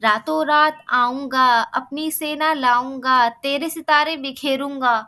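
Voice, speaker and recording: A woman's voice: high voice, expressive, moderate pace, sharp tone. A woman voicing a cheeky, boastful male mouse in a children's storybook tale, demanding and threatening in a chanting way.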